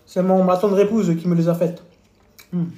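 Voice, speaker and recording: A man's voice: high voice, fairly even intonation, moderate pace, warm tone. Chatty man on a live stream, echoey. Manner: chatty, teasing, mock-lessons, talks with mouth full. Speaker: fitness coach streaming live. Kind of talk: casual live-stream chat while eating.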